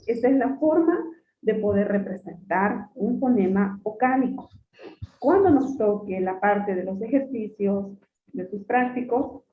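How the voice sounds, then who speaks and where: A woman teacher giving an online class, explaining patiently, repeating her points and calling her students "jóvenes". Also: a little high. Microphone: computer mic on a video call. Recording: echoey, phone-like video call audio.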